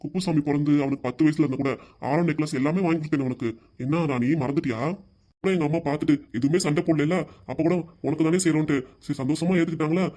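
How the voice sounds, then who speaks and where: A man voicing a calm, lecturing middle-aged husband in a cartoon comedy, with a southern Tamil Nadu accent. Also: on the high side, fast talker, close to an everyday voice. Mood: reassuring. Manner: coaxing, lecturing.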